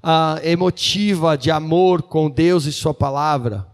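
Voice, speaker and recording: A man interprets a sermon live, following the preacher one phrase at a time. His voice sits slightly high, and he fills gaps with small hesitations and corrects himself mid-phrase as he translates. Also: measured pace.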